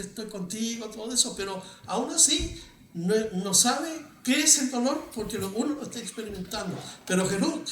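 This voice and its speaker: A man preaches with a high voice, talking with his congregation in an easy, questioning way. His voice rings through an echoey church room, with faint ambience underneath. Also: fairly bright tone, recorded from a distance, a little hiss or hum. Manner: conversational preaching, asks the congregation questions, frequent restarts. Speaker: pastor. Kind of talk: sermon. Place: church hall.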